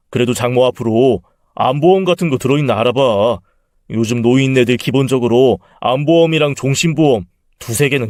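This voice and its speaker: A man's voice: medium pitch, a little mellow, no echo, clean studio sound, close to an everyday voice. A man voicing the son-in-law's crude male friends, who tease and egg him on. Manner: coarse, teasing. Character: crude, mocking male buddies of the son-in-law.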